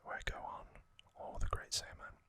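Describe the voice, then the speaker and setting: This is a man hosting ASMR in a whisper, wandering through trivia with lots of pauses and ums. It's a soft, rambling delivery full of personal recollections.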